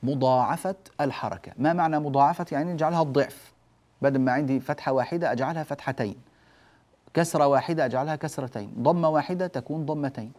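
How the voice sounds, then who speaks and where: A man teaching the rules of Quran recitation, explaining step by step, drawing on a board, checking that the class follows, and stretching out example words slowly. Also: fairly high pitch, a little mellow. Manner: explains step by step and often asks the class "جيد؟". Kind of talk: classroom lesson on tajweed rules.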